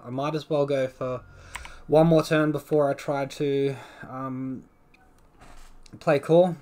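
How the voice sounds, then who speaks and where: Here a young man with a somewhat high voice offers laid-back live commentary on a card match he's playing. He reasons out each move aloud, veering between groaning and happy relief.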